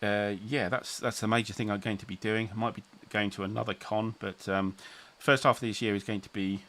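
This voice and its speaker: A man's voice: fairly low pitch, level tone, a little fast, fairly bright tone. A middle-aged man, hosting a casual livestream chat, rambling and restarting sentences with chuckles. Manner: rambling, self-interrupting, chuckling. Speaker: channel host.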